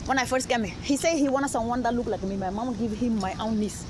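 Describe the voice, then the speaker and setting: Speaking briskly in a fairly high voice with fairly even intonation, a Malian-accented woman tells a rambling personal story to an interviewer on a busy city street. She's repetitive and insistent, frequently checking "all right?", while traffic and street noise run through the noisy recording.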